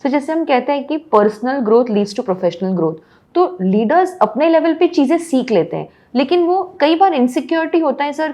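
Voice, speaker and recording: A woman's voice: on the high side, dark tone. A woman with an Indian accent hosts a podcast interview, politely asking her guest questions and calling him sir. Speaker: podcast host.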